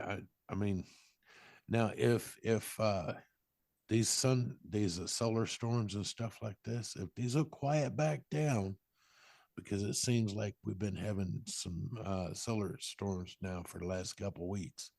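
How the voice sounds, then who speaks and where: A man co-hosting a podcast in casual chat, talking haltingly with many restarts. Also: fairly low pitch, vocal fry, darkish tone, no echo, clean studio sound. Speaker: podcast co-host.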